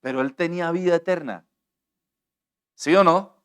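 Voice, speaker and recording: A man preaches from a church altar in a slightly high voice. He moves from soft near-whispers to fervent shouts and keeps questioning the congregation. It is a sermon delivered with full passion. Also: moderate pace. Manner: impassioned, swings from hushed to shouting; asks the congregation frequent questions. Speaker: pastor.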